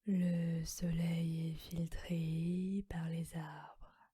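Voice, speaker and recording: A woman guides a relaxation meditation entirely in an unvoiced whisper. Her delivery is very slow and flat, with a breathy, mellow tone. The sound is close and dry. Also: fairly low pitch, dry recording.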